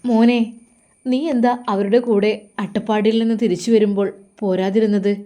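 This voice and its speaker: Brief: woman doing a anxious pleading mother, raised pitch, soft mellow voice. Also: normal speed, close to an everyday voice. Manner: tearful, pleading, repeatedly calling her son. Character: grieving middle-aged mother, anxious and pleading.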